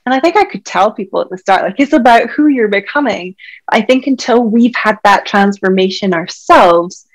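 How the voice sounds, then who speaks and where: Expressive and medium in pitch, a woman from Scotland in her thirties talks at a normal pace on a rough recording. A doctor and health coach, she's a candid podcast guest in a casual conversation, with lots of "like" fillers.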